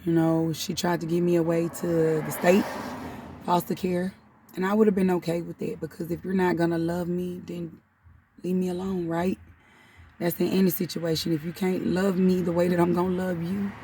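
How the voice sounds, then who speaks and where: A woman's voice: on the low side, little pitch movement, moderate pace, warm tone, recorded from a distance, slight background noise. A woman in her thirties telling her life story in a casual, heartfelt vlog, holding back tears and often calling her viewers "y'all". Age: 30s. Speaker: spiritual channel host. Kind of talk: personal confessional vlog.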